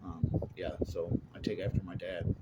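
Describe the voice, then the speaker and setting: A man's voice: low voice, normal speed. A man telling stories from his life in a casual monologue. He talks bluntly, swears, and fills his speech with asides and fillers. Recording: loud steady background noise.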